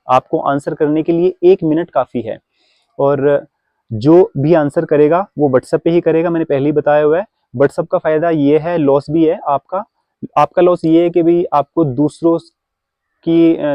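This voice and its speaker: A man's voice: fairly high pitch, no room sound. A man, talking casually to camera as a vlogger and father, lecturing viewers on keeping traditions. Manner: preachy, advising viewers on tradition. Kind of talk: casual vlog talk to camera. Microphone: phone camera. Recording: dry, slightly dull sound.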